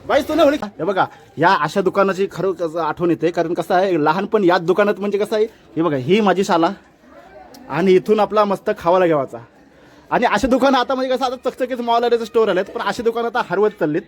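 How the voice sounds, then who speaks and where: High-voiced chatty man vlogging outdoors. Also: lively intonation, brisk. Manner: chatty, exclaiming, greeting passers-by. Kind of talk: casual walking vlog commentary. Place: outdoor city street at a festival. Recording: loud street crowd behind.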